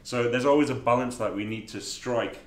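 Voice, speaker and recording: A man's voice: medium pitch, a little fast. A man co-hosting a game developer live stream, chatting loosely with lots of ums and easy laughter. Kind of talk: casual live-stream chat. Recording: roomy room sound.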